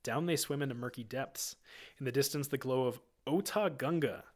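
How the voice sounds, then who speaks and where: A man's voice: mid-range voice, moderate pace. A man reading screenplay stage directions aloud in a plain amateur way, now and then breaking off to comment. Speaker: reader.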